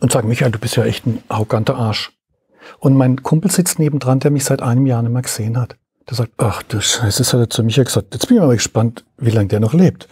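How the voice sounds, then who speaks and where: A man talking in a relaxed interview as a coach, his voice husky and mellow. He often slips into little acted-out dialogues to make a point. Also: fairly high pitch. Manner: acts out dialogues in quoted voices.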